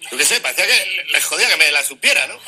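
A man telling a stand-up comedy story, animated, with deadpan asides. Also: a little high, racing, low-quality recording.

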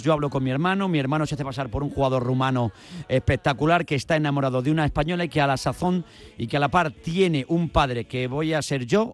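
A man with a Castilian Spanish accent hosting chatty, jokey radio banter, often repeating words for emphasis. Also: medium pitch. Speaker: radio host.

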